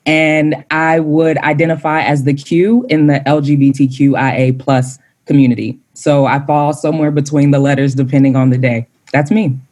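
A woman's voice: sits low, little pitch movement, moderate pace, few pauses, darkish tone. A young woman from Dallas, a sales executive chatting as a panel guest in a playful, talkative way. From Dallas, Texas. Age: young adult. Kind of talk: casual panel chat.

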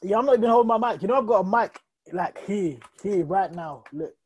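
A man's voice: high voice, expressive, a little fast, a little mellow. A man, a podcast guest chatting casually in slang and repeating phrases for emphasis. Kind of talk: casual chat.

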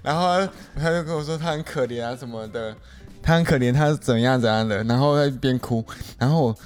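A man's voice: mid-range voice, fairly quick, a little mellow, clean tone, soft background music. A man with a Taiwanese Mandarin accent, a podcast guest telling a story in casual, matter-of-fact chat.

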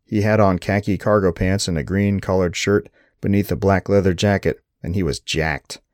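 A man's voice: low voice, fairly even intonation, normal speed, darkish tone, dry recording. A man reading a first-person story aloud with a dry, wry storytelling manner on a close microphone. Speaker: narrator. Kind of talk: first-person audiobook narration.

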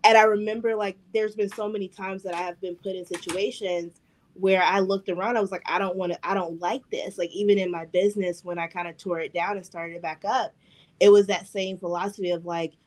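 A woman's voice: medium pitch, steady tone, fairly quick. A woman hosting a podcast, telling stories in casual chat, leaning heavily on "like" and "I was like". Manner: chatty storyteller, heavy use of "like" and "I was like". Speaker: podcast host.

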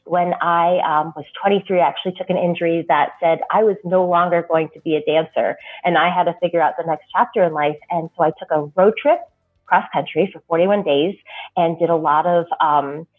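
A woman's voice: on the low side, steady tone, fairly quick. A woman, a wedding planner, telling her story as a podcast guest with frequent ums and restarts, her voice metallic and tin-can-like from a laptop microphone. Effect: tinny metallic tin-can sound from a laptop mic. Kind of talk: podcast interview, personal story. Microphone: built-in laptop microphone. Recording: tinny lo-fi laptop mic audio.

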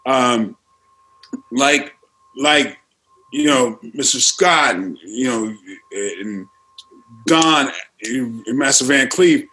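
A man speaks earnestly on a panel about the reach of martial arts films. His talk is halting, full of fillers and restarts, in a mid-range voice. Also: medium pitch, expressive, bright, forceful tone, poor audio. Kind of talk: panel discussion.

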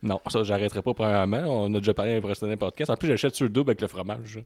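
Brief: Québécois male co-host, rapid rambling storyteller, dry close sound. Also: on the low side, steady tone, darkish tone, no echo. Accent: Québécois French. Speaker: podcast co-host. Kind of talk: casual podcast chat.

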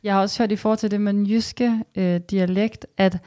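A woman with a medium-pitched voice who hosts a podcast and asks her guest questions. She speaks in a curious, somewhat hesitant way and often rephrases herself. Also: fairly even intonation, warm tone. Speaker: podcast host, interviewer. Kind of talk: casual interview questions.

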